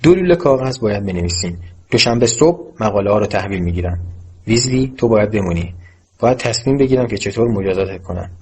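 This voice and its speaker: A man's voice: on the low side, animated, a little mellow, husky. A man voicing a stern, spiteful schoolteacher who gives cold, commanding orders in an audiobook reading. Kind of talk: audiobook character voice.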